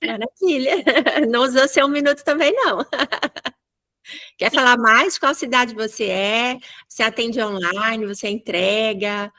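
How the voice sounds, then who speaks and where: A woman mentor hosting an online business meeting, brisk and directive while encouraging the participants. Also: on the high side, bright, forceful tone. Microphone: video call.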